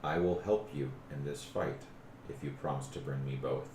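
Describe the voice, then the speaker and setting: A haughty dragon mother, acted out by a man for a tabletop game. The voice is extremely deep, with a measured, bargaining dragon manner. It sits in a roomy, echoing recording with light noise. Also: darkish tone. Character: bargaining female dragon speaking telepathically, protective of eggs.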